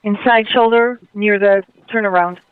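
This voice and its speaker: High-voiced guy dispatching on police radio, tinny, flat steady delivery. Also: normal speed, clear, resonant tone, no echo. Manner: repeats back each report in clipped radio phrases.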